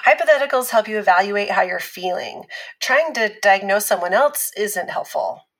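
For a scripted fiction podcast, an actress with a mid-range voice plays a survivor of abuse whose manner is calm and patient, walking through explanations in a careful, instructive style.

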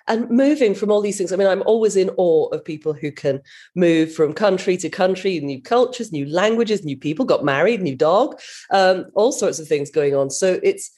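Mellow-voiced woman interviewer. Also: on the low side, lively intonation, normal speed, slightly rough. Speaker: podcast interviewer. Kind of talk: podcast interview.

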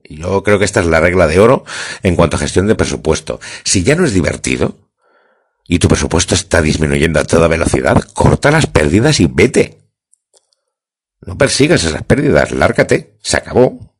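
A man's voice: rumbling low, very animated, brisk, husky. A man, hosting a podcast in a chatty way and repeating words for emphasis. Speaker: podcast host. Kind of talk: casual podcast talk.

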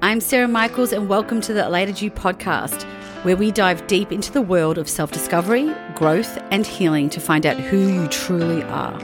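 A woman in her thirties with an Australian accent, hosting a podcast in a candid, chatty way with quick asides. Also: mid-range voice, music in the background. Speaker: podcast host. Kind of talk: casual conversational podcast.

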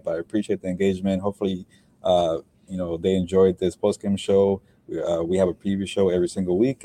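A young man with a very low, mellow voice talks quickly and loosely, full of fillers and restarts. He sounds like a sports reporter joining a post-game podcast from inside a stadium, the sound close and dry. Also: no room sound. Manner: relaxed and rambling, with many fillers and restarts. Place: inside a stadium, speaking quietly with people working around him.

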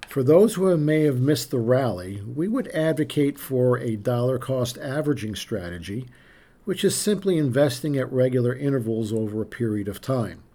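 Mellow man reading a formal script. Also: medium pitch, lively intonation, moderate pace. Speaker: financial podcast host. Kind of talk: scripted narration.

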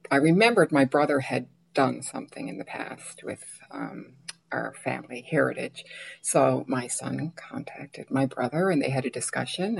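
Low, gravelly Newfoundland woman. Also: low-quality recording. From Newfoundland, Canada. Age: middle-aged. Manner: chatty, laughs often, drops to a near whisper. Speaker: author guest. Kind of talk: podcast interview.

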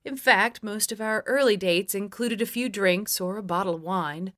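A woman's voice: mid-range voice, moderate pace, a bit bright. A woman reading her own memoir aloud in a frank, wry and profane way. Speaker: memoir narrator. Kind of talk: first-person memoir narration.

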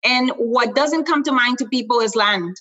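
Bright-voiced woman from Honduras. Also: a little high, lo-fi sound. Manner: quick, chatty, with many fillers and restarts. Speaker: guest entrepreneur. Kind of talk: casual interview talk.

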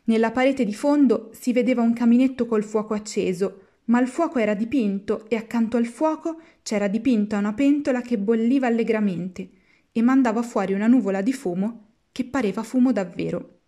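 A woman reads a classic storybook aloud. Her voice is mellow and warm in tone, and she keeps a measured pace, leaning into the expressive turns of the tale. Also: on the high side. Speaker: narrator. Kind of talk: storybook reading.

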